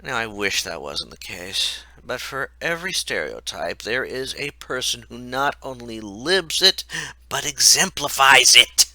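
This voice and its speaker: A man's voice: medium pitch, very animated, measured pace, bright, forceful tone, no room sound. A man reading his own comic story aloud in a wry, mocking way.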